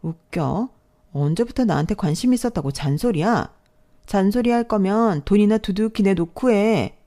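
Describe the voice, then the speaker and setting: A woman's voice: medium pitch, moderate pace, mellow, close to an everyday voice. A woman voicing a spoiled, rude young half-sister who talks in a snippy, whiny way, read as storybook dialogue.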